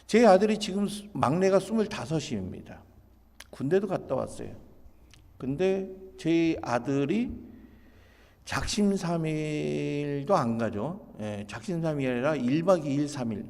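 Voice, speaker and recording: A man's voice: on the high side, long reverb tail. A man in his fifties preaching a sermon as pastor, telling stories and acting out what people say. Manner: animated storytelling, acts out quotes.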